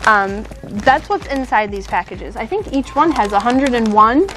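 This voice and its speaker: A woman's voice: a little high, expressive, moderate pace, background noise. Chatty upbeat woman in her thirties. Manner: chatty, upbeat, with fillers and small laughs. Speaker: candy shop host. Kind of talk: casual product chat.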